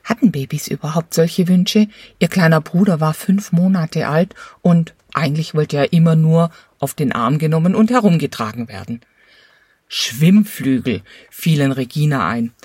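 A woman reading a children's storybook aloud in a calm, even storytelling manner. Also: sits low, moderate pace, slightly rough, no room sound, clean studio sound. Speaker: narrator.

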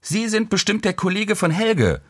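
A neat, polite woman welcomes a newcomer in a friendly, formal way, voiced by a male narrator. Her voice sits high above his own and lilts lively. It is a storybook reading. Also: normal speed, husky, heavily acted. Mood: welcoming. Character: polite, neatly dressed woman greeting a newcomer.

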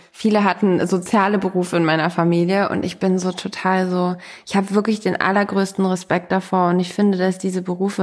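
A woman in her thirties in casual podcast chat, talking emphatically and getting worked up, with many fillers. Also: mid-range voice. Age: 30s.

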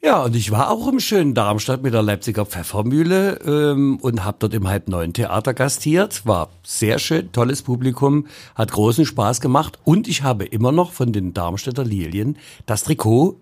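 A man's voice: medium pitch, moderate pace, few pauses. A man co-hosting a jokey football podcast, playful and teasing, tossing in mock foreign phrases. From Germany. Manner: playful, lively, jokes in mock Norwegian. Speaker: podcast co-host.

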